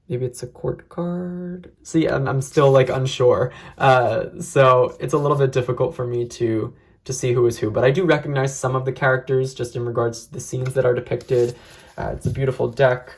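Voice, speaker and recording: Gravelly creaky voice, medium pitch, casual reviewer, measured, reflective, hedging. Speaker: tarot deck reviewer. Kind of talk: casual unscripted review talk.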